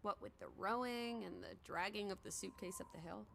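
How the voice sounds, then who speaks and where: A woman's voice: mid-range voice, fairly quick, vocal fry, fairly bright tone, a little hiss or hum. An actress voicing a spirited, teasing young woman companion in a video game, breezy, sardonic and a little bossy. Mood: soothing. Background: game music.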